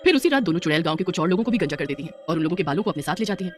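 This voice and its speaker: A woman narrating a cartoon story in a brisk storytelling manner. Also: lowish voice.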